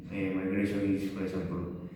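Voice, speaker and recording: A man's voice: deep voice, monotone, moderate pace, noisy background. A young man from Venezuela, a Spanish speaker, gives a hesitant class presentation full of fillers and restarts. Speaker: language student presenting. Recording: distant, echoey room.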